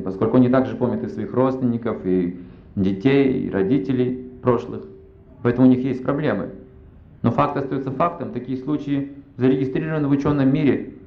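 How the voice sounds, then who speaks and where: A man giving a religious lecture, reasoning aloud and asking himself rhetorical questions. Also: medium pitch. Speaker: spiritual lecturer. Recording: roomy, slightly dull recording.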